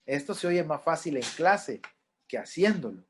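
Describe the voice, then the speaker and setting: A middle-aged pastoral counselor lectures a class on grief with earnest conviction, repeating key points and acting out what people say. His husky voice sits on the high side, swings widely in pitch, and moves at a moderate pace.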